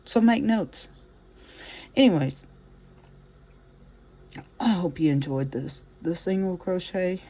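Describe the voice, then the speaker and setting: Slow and mid-range, with long pauses, a crochet teacher's mellow, warm voice talks through each stitch aloud as her hands work. It's a casual step-by-step craft demonstration, relaxed and chatty, full of folksy, homespun phrasing and gentle encouragement.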